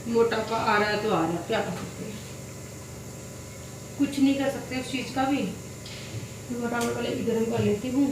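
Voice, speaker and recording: A woman's voice: a little high, moderate pace, pauses often, heavy background noise. A young woman at home, chatting casually as a vlogger and mother, telling stories with a teasing manner. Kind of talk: casual home vlog chat.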